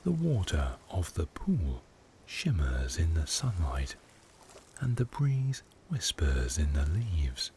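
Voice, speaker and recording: A man guiding a meditation, speaking softly in a hushed voice that often drops to a whisper. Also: a bass voice, big pitch swings, slow, a little hiss or hum. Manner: soft, hushed delivery, often slipping into a whisper. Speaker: meditation guide. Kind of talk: guided meditation narration.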